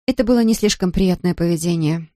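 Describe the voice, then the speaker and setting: A woman voicing a kind, tired young nanny who talks to children gently and patiently. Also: lowish voice, fast talker, dry recording, studio quality, lightly acted.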